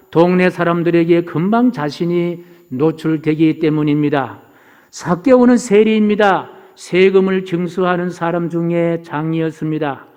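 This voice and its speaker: Male pastor, middle-aged, earnest sermon delivery, mellow tone, long church reverb. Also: a little high, lo-fi sound. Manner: earnest preaching, opens with recited verse. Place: church sanctuary.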